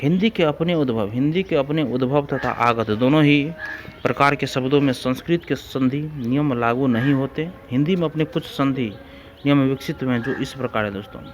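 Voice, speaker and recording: A man's voice: medium pitch, normal speed, a little hiss or hum. A man teaching an exam-prep grammar lesson, repeating rules and examples and calling his listeners friends.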